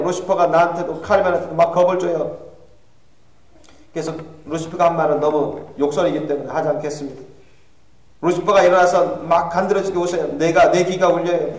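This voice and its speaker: A man's voice: on the high side, darkish tone. A male pastor preaching a fervent, urgent sermon in a church sanctuary, heard from a distant microphone. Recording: echoey church hall, far mic.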